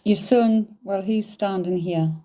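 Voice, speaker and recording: A woman, giving a medium's spirit reading in a chatty, halting way, often hedging with "I feel". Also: medium pitch, warm tone.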